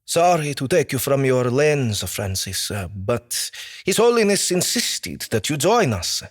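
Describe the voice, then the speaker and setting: A man's voice: mid-range voice, big pitch swings, a little slow, breathy edge, voice pushed up. A man voicing an elderly cardinal with a thick put-on Italian accent, cordial and ceremonious.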